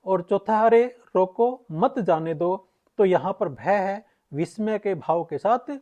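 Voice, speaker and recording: A woman's voice: fairly low pitch, darkish tone. A woman teaching Hindi grammar in an online lecture, explaining patiently and repeating each point. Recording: slightly muffled lo-fi audio.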